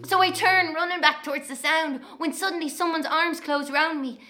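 A woman's voice: high-pitched, steady tone, normal speed, bright, forceful tone. An actress playing an angry young Irish woman, telling of walking home at night in a dramatic monologue.

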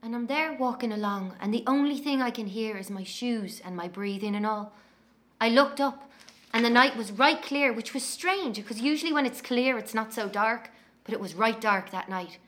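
A woman's voice: a little high, moderate pace, a bit bright, lightly acted. An actress playing an angry young Irish woman, telling of walking home at night in a dramatic monologue.

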